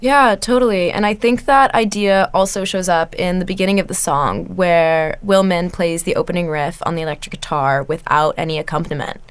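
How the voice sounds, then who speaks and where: A woman's voice: fairly low pitch, steady tone, fairly quick, few pauses, smooth. A young woman hosting a music interview, discussing a song thoughtfully and analytically. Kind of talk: student-style music review and interview.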